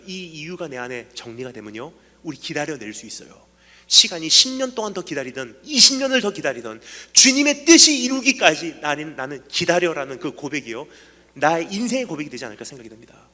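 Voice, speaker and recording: Middle-aged male missionary preaching at a revival, bright carrying voice that leaps from hush to shout, church hall reverb. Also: medium pitch. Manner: acts out quoted voices, swings from hushed to shouting. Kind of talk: revival sermon. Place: church sanctuary.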